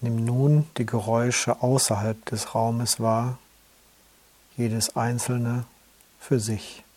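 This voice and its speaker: A man leads a guided yoga nidra relaxation. His pace is very slow, with long pauses, and his voice stays calm and soothing at a middle pitch. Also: dry recording.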